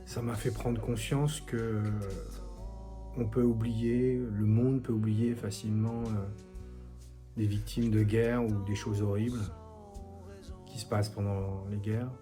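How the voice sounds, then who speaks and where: A man in his forties from France, a songwriter giving a recorded support message in a soft, hesitant way with many pauses. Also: lowish voice, little pitch movement, soft background music. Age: 40s. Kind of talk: recorded video testimony.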